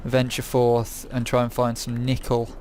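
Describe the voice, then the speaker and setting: A man's voice: mid-range voice, completely flat delivery, a little slow, darkish tone, slight background noise. A young British man hosting casual gameplay commentary, rambling and breaking into silly songs. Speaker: gaming video host.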